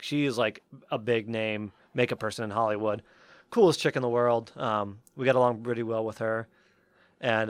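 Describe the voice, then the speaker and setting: A young man co-hosting a podcast tells a long story in a loose, rambling way, filling it with "like" and "um". His voice is smooth and resonant, and the recording is dry and close to the mic. His pitch sits in the middle for a man. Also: a bit bright, dry recording. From Western Massachusetts. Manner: rambling, many fillers like "like" and "um". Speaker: podcast co-host. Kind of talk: casual storytelling chat.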